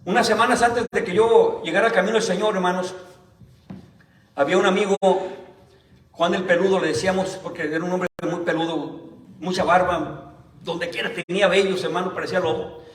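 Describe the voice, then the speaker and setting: A male pastor preaching a Sunday sermon. He keeps calling the listeners "brother" and reads the scripture slowly and deliberately. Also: high voice, fairly even intonation. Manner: tells personal stories in a plain conversational way. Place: church hall. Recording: roomy church hall, mic at a distance.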